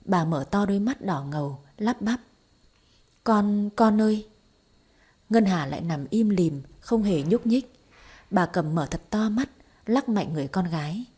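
A woman reading a romance story aloud in steady, scripted audiobook narration. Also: fairly low pitch, moderate pace, breathy edge.

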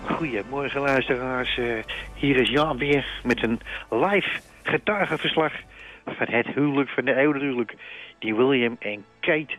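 A man's voice: mid-range voice, unhurried, a bit bright, soft background music, lightly acted, low-quality recording. A man playing a starstruck, chatty male reporter who rambles on in a comic fake live report. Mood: gushing. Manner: chatty, rambling, self-congratulatory. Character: bumbling, starstruck male reporter at a royal wedding.

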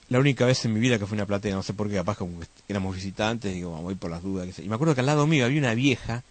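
A man's voice: on the low side, very fast, dry recording. An older man with an Argentine accent, a radio host telling rambling football memories with lots of fillers in casual chat.

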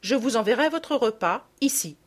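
Woman reader as strict calm guardian lady, measured and severe, lively pitch. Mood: calm, stern. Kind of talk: audiobook reading.

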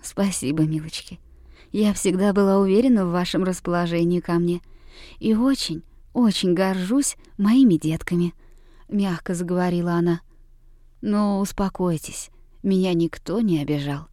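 A woman voicing a gentle, tearful young governess who speaks softly and tenderly in an audiobook. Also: fairly low pitch, steady tone, normal speed, no echo, studio quality, voice pushed down, close to an everyday voice. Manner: soft, tender, quietly sad. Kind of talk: audiobook character reading.

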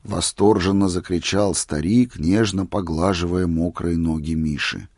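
A man narrating a story aloud in an expressive reading voice. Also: low voice, unhurried, dry recording, studio quality.

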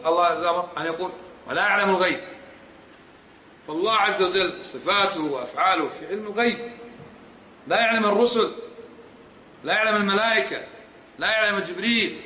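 Here the lecturer's voice sits high and sharp, and he talks fast. As an Islamic scholar giving a religious talk, he repeats points with emphasis and fires rhetorical questions at his audience, all in an echoey hall with faint ambience and slight background noise.

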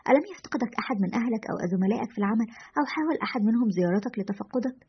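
A woman's voice: on the high side, lively intonation, racing, slight background noise. A woman voicing a man radio host who speaks firmly and gives instructions. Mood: probing. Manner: firm, instructing. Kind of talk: storytelling narration. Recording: lo-fi dull audio.

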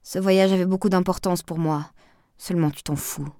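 A woman's voice: lowish voice, fairly even intonation, moderate pace, dark tone, dry recording, studio quality, natural voice. A woman voicing a jealous young woman who pleads and reproaches her lover, in an audiobook reading. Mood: reproachful.

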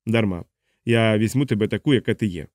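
A man's voice: fairly low pitch, a little fast, a little mellow, no room sound, natural voice. Male reader as a lovestruck young soldier, persistent, teasing, dry sound.

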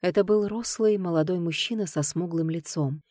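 A woman reading a first-person audiobook in a lively, expressive way. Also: fairly low pitch, normal speed, dry recording, clean studio sound. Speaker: audiobook narrator.

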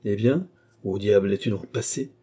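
A man's voice: on the low side, moderate pace, mellow, slightly rough. A man voicing a vain, sly and jovial very old marshal in a storybook reading. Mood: gleeful.

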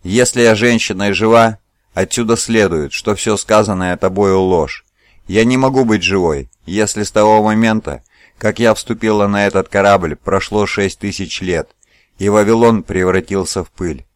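A proud, passionate ancient young woman, as a male storyteller puts her on, pitched somewhat above a low voice and pushing the level up in commanding outbursts. The audiobook sound is close and dry, with no room around it. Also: normal speed, dry recording, close to an everyday voice. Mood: furious.

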